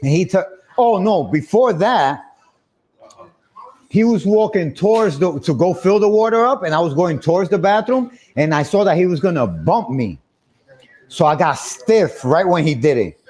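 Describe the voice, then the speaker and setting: A young man with a high voice spins a casual story for his stream audience. He is animated, laughs often and acts out everyone's lines. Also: normal speed.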